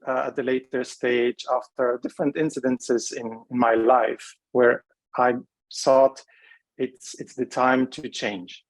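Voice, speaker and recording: Male guest with a mid-range voice, measured and reflective in his answers. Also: mid-range voice, low-quality recording. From Lebanon, raised in Switzerland. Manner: measured, thoughtful, pauses to search for words. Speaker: guest, rehab center CEO.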